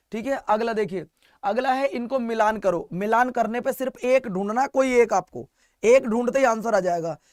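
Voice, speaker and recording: High-voiced man teaching an exam class. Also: dry recording, studio quality. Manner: repetitive call-and-response quizzing. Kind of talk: online class lecture.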